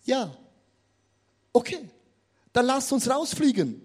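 A man's voice: very high voice, slow pace, slightly rough. A man preaching a sermon, telling a humorous story and turning often to the congregation. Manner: animated, humorous storytelling, addresses the audience directly.

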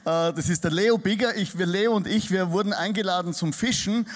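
A man's voice: high-pitched, a little fast. A middle-aged man from Styria with an Austrian German accent, preaching a sermon to a congregation in a chatty, joking way. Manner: chatty, joking, self-deprecating. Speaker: pastor. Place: church hall before a congregation.

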